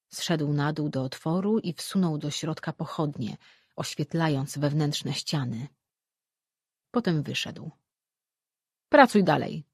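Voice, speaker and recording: An audiobook narrator giving a steady, measured reading of a fantasy novel. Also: medium pitch, breathy edge, no room sound, clean studio sound.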